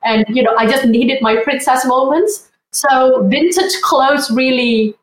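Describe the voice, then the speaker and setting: A woman's voice: high voice, measured pace, echoey room, rough recording. A woman, talking as a podcast guest in an earnest, reflective way. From Indonesia. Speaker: guest, vintage blogger. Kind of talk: conversational interview.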